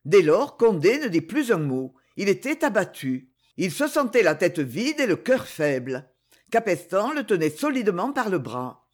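An audiobook narrator reads a dramatic novel at a moderate pace, telling the story expressively. Big rises and falls in pitch keep the reading lively.

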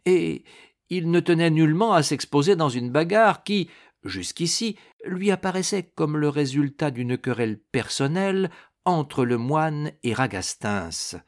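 A man narrating a swashbuckling novel in a dramatic, expressive storytelling style. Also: fairly high pitch, a little slow. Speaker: audiobook narrator. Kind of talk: scripted narration.

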